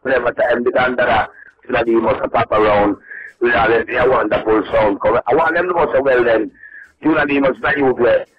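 A man's voice: medium pitch, steady tone, fairly quick, slightly rough. A man, a reggae artist talking over the phone in a casual radio interview, in a loose, repetitive, upbeat patter. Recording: muffled phone-line audio.

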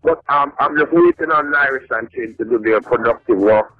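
A middle-aged reggae artist with a Jamaican accent, heard over a phone line, talking in a laid-back, rambling way with lots of restarts. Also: male voice, medium pitch, moderate pace, no room sound. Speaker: reggae artist calling in as a guest. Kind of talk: casual radio phone interview. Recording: tinny dry phone line with faint music.

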